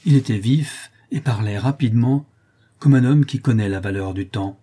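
A male audiobook narrator tells a classic tale in a calm, measured way. His voice is husky and mellow and sits at a middle pitch.

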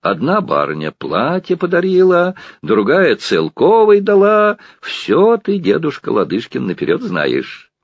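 A man's voice: fairly high pitch, huge pitch swings, a little slow, dry recording, dull audio, voice pushed up, full character voice. A man reading an audiobook, voicing a young boy who teases slyly. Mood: teasing. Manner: teasing, sly. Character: sly teasing young boy.

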